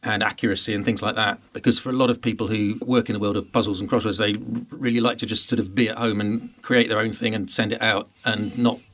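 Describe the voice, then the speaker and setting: A middle-aged man with a British accent, a guest answering interview questions in a measured, thoughtful way. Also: lowish voice, flat delivery, fairly bright tone. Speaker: guest, puzzles editor.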